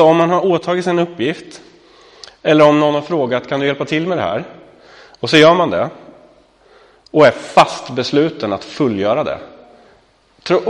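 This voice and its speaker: A pastor in his thirties preaches in a loose, conversational manner, with lots of small fillers and direct questions to his listeners. His voice sits at a middling pitch for a man. The sound rings with the long reverb of a large hall. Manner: conversational, many fillers, asks the congregation questions. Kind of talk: sermon.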